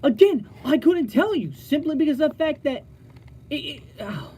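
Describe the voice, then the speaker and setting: A young man hosting a college radio sports talk show, talking straight to his listeners with lots of restarts and animated emphasis. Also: extremely high pitch, moderate pace, a little hiss or hum.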